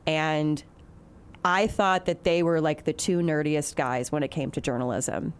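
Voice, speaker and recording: A TV news anchor from the Chicago area chats casually in an interview, filling her speech with fillers and restarts. Her low voice is clean and steady, and she talks a little slowly.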